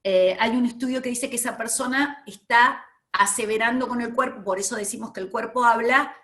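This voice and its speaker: A woman's voice: a little high, fairly quick, fairly bright tone. Enthusiastic woman giving a training lecture. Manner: enthusiastic, emphatic, many fillers.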